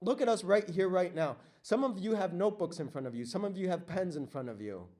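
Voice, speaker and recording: A man's voice: high voice, expressive, brisk, warm tone. Fiery, repetitive man presenting a workshop. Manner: fiery, rhetorical, repeats lines for emphasis. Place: meeting room with tables, before a live audience.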